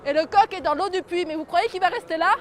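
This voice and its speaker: A woman's voice: very high voice, quick pace, over a noisy crowd, very noisy. A woman storyteller telling a folk tale to children and getting them to join in. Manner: lively, gets the audience to join in.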